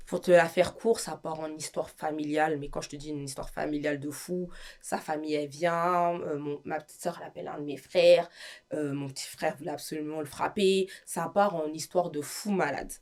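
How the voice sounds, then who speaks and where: Low-pitched and talking a little fast, a French-accented woman shares her emotional testimony as a guest. Her storytelling is lively, and she performs the quoted dialogue of the people she describes.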